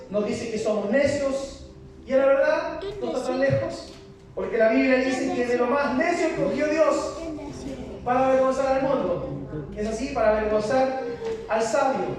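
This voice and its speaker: A man preaching a passionate sermon, asking the congregation rhetorical questions. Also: extremely high pitch. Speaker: pastor. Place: church hall. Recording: echoey hall from far off with noise.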